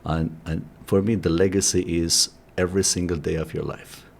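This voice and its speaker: Low gravelly man, Armenian native speaker. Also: steady tone. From Iran. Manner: earnest, reflective, halting with fillers. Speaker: guest, company CEO. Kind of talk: interview conversation.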